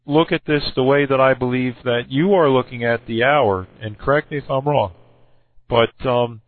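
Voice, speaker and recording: A man arguing over scripture with a halting, self-correcting delivery full of fillers. His voice is going hoarse. The sound is dry and tinny, like a phone line. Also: medium pitch, no room sound. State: losing his voice. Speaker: Bible debater. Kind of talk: recorded argument addressed to another person.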